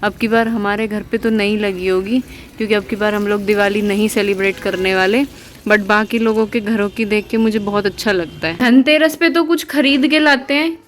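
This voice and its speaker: A woman's voice: mid-range voice, moderate pace, slight background noise. A young woman chatting casually in a family vlog, teasing and laughing often as she films around her home. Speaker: vlogger.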